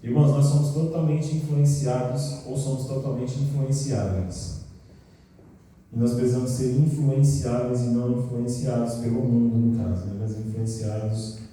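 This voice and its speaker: A man with a São Paulo accent teaches a church Bible class, throwing questions out to the listeners and answering them himself. His voice is dark and mellow. It sounds far from the mic, with heavy echo from a big hall. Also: mid-range voice, steady tone, normal speed. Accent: Brazilian Portuguese, São Paulo. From São Paulo state, Brazil. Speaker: Sabbath school teacher. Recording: echoey hall recorded from a distance.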